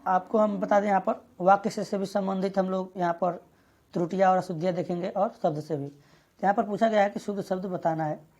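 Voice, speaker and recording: A woman teaches an exam prep lesson, reading each question and its options aloud before walking through the answer. Her voice is mellow and somewhat breathy, and her delivery stays steady and methodical. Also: medium pitch, brisk.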